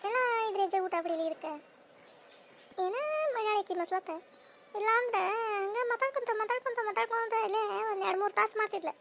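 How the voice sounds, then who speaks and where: A voice actor playing bickering, nosy village women in a cartoon, with a North Karnataka Kannada accent and a sped-up, high-pitched voice. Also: heavy background noise. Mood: nagging. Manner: shrill, scolding, quick back-and-forth banter. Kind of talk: cartoon voice acting.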